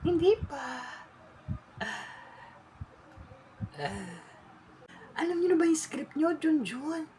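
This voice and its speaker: A woman's voice: sits high, lively intonation, slow, long pauses, mellow, a little hiss or hum. A woman vlogger in casual teasing banter, playfully scolding and calling people out.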